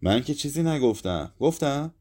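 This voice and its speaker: A man's voice: medium pitch, expressive, darkish tone, pitched above the performer's own voice, close to an everyday voice. A man reading aloud, voicing a blunt, teasing male friend at a drinking party. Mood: defensive.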